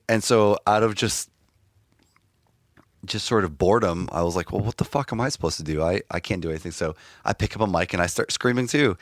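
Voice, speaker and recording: A middle-aged man, a screaming vocalist, telling stories in a casual, animated interview with many restarts. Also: fairly low pitch, dry recording, clean studio sound. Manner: rambling, animated storytelling with restarts.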